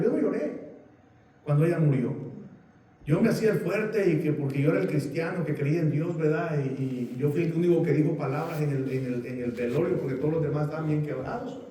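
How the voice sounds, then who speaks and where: A man preaching as a pastor in a halting way, repeating words and using many fillers. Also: a little high, dark tone, a little hiss or hum. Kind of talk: sermon with congregation sharing. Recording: echoey room picked up from a distance.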